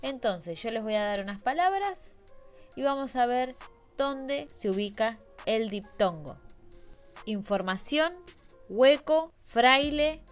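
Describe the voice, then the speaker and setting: Slow, clear woman teaching a lesson. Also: fairly high pitch, lively intonation, soft background music. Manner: slow, careful, stresses example words. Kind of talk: explanatory grammar lesson.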